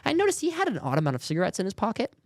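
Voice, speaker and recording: Young guy telling a story on a podcast, animated, acts out the people, dry close sound. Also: high voice, very fast, vocal fry, no echo. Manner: animated, acts out the quoted voices. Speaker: worship leader, podcast guest. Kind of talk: casual storytelling.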